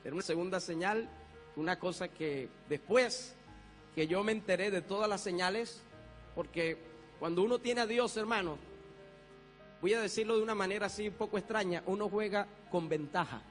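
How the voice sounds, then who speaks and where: A man's voice: sits high, normal speed, in a large hall, soft background music. A man, a pastor, giving a fervent church testimony, laughing often and sprinkling his talk with amens.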